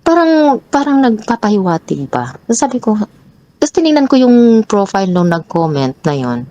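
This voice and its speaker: A woman telling her own troubled story as a guest, hesitant and halting with many restarts. Her pitch jumps up sharply when she relives an argument. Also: sing-song, mellow, muffled recording. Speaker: guest sharing a personal story. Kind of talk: confessional personal storytelling.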